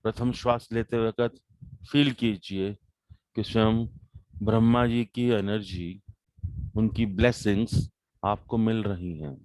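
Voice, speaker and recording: In a fairly low voice with no echo, a man with an Indian accent guides listeners through meditation. He stays calm and measured, pausing deliberately between short phrases.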